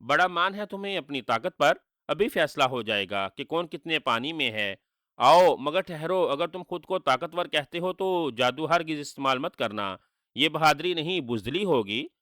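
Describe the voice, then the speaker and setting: Sharp-tongued trickster hero, defiant and sarcastic , done by a man, slightly high, bright. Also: lively intonation, moderate pace, dry recording, clean studio sound. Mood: defiant, growling. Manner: sarcastic, insulting retorts.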